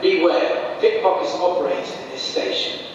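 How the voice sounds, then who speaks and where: Guy on the station tannoy warning people, fairly high voice, echoey hall, loud crowd noise. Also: moderate pace, distant mic. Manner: firm, formal warning. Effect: train station public address announcement. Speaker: security announcer. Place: large railway station concourse. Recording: dull, echoey loudspeaker heard from afar with loud noise.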